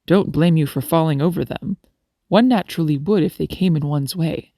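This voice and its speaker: Lady voicing a friendly young doctor guy, deeper voice, teasing and polite, dry sound. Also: normal speed, warm tone, no room sound. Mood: genial. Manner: courtly, teasing, lowered voice.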